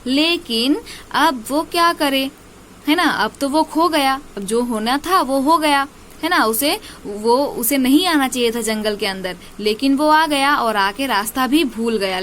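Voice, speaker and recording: A woman's voice: high voice, measured pace, a bit bright, a little hiss or hum. Woman teacher explaining a story. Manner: repetitive, checking understanding.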